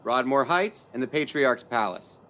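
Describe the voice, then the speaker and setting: A stern gate guard with a mid-pitched voice. He speaks formally and firmly, like an official on duty in a frontier video game. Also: expressive, normal speed, sharp tone. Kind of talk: video game character acting.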